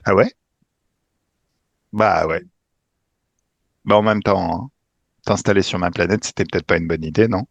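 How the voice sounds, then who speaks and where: Commanding low-voiced hypnotherapist man. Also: steady tone, measured pace, creaky, pauses often, dry recording, highs cut off. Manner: commanding, emphatic, swearing casually. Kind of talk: guided regression session.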